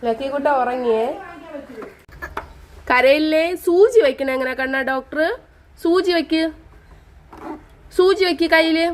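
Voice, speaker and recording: A woman's voice: high-pitched, measured pace, pauses often, a little hiss or hum. A mother in a home vlog, coaxing her small child with playful sing-song baby talk and questions.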